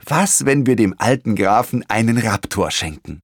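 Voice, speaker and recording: A man voicing a clever, enthusiastic young boy in a storybook reading, with a keen, excitable delivery. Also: on the low side, normal speed, dry recording, studio quality.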